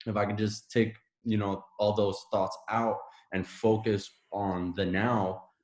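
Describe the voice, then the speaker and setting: A man's voice: lowish voice, level tone, measured pace, darkish tone, reverberant. A man from Puerto Rico whose first language is Spanish, a podcast guest talking casually with many fillers and restarts. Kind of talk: casual conversation.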